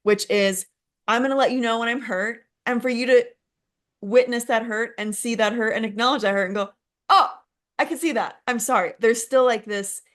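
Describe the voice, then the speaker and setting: A woman hosting an interview, enthusiastic and affirming, thinking out loud as she reflects back what her guest said. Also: fairly high pitch, steady tone, moderate pace. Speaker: interview host. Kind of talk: conversational interview.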